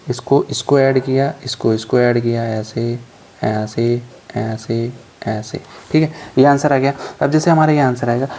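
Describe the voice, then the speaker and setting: A man's voice: medium pitch, dark tone. Man, finance tutor, step-by-step worked examples, chatty, drills steps aloud, playful asides. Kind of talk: screen-recorded worked-example lesson.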